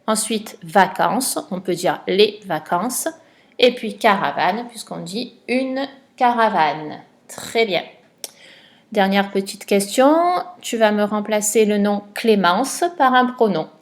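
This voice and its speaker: A woman primary school teacher giving a recorded spelling lesson to a child at home, slow and patient, stretching out each word for dictation. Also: mid-range voice.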